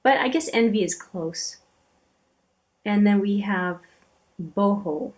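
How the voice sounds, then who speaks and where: A woman hosting a beauty channel, talking casually as she swatches eyeshadows, chatty and admiring, often trailing off into quiet asides. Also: medium pitch, slow.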